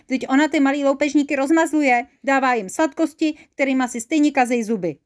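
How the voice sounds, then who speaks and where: A woman voicing a shaggy, horned male devil who grumbles gruffly in coarse slang. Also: a little high, expressive, no room sound, clean studio sound. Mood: grumbling.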